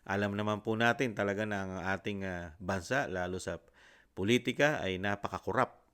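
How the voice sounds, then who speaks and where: Filipino male commentary host, deep low voice, hesitant and courteous. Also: a bit bright, clean tone. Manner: polite, halting, many fillers. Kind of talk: casual commentary.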